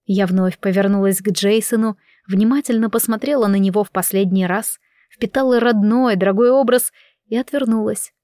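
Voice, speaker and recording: A woman reads a first-person audiobook in an even, measured way. Her voice sits in a middle register. The recording is dry and close, with no room echo. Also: medium pitch. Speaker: audiobook narrator.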